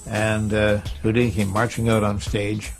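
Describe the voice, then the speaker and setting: A man's voice: fairly low pitch, completely flat delivery, moderate pace, soft background music. A man recounting magic history as a wry storyteller in a documentary interview.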